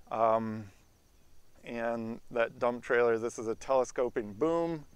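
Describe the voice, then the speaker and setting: A man's voice: mid-range voice, lively intonation, takes it slowly, smooth, dry recording. A man giving a casual, plain-spoken walk-through tour of his sawmill as its owner. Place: outdoors around a sawmill yard, later inside a large former riding arena.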